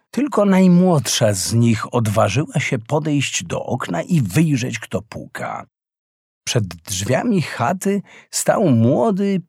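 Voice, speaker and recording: A man narrating a fairy tale from a script in a slow, deliberate storytelling manner. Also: medium pitch, dry recording, studio quality.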